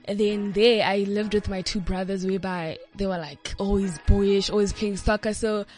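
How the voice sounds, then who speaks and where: A young South African woman talks as a studio guest. She is bubbly and casual, with plenty of "like" and "yes". Her voice sits at a middle pitch over faint background music. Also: steady tone, normal speed, darkish tone. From Johannesburg, South Africa. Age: young adult. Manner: bubbly, many "yes" and "like" fillers. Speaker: studio guest, student and model. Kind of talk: casual interview answers. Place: radio studio.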